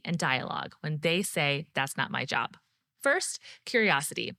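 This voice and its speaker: A woman's voice: on the low side, sharp tone, no echo, studio quality. A woman in her thirties hosting a podcast, coaching leaders directly and addressing the listener as a friend. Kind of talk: scripted solo podcast teaching.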